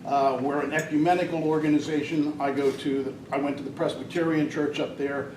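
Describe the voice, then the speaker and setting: An older man gives a rambling, hesitant talk as a guest speaker at a Rotary club, full of fillers. His voice is on the high side with little pitch movement, and he talks a little fast. The mic is distant in a noisy, echoey room.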